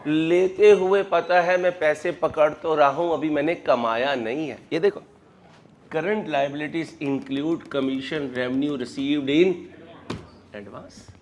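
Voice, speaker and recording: A man with a Pakistani Urdu accent giving an animated accounting lecture, calling students "beta" and acting out their objections. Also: fairly high pitch, slight background noise. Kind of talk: classroom lecture.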